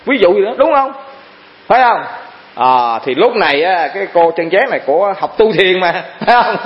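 A man's voice: sits high, expressive, normal speed. A man, a Buddhist monk giving a dharma talk to fellow monks, who keeps asking his listeners rhetorical questions. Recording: dull lo-fi recording.

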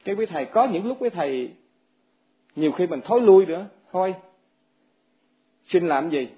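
A man's voice: high-pitched, animated, moderate pace, narrow, tinny audio. A man, a Buddhist monk giving an earnest sermon to fellow monks and asking them rhetorical questions.

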